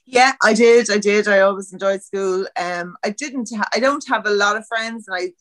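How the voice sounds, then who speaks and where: Laughing frequently, a woman from Dublin talks freely as a guest on a podcast, her Dublin Irish accent clear in casual interview chat. Her voice is mid-range at a normal speed, and the recording has no echo.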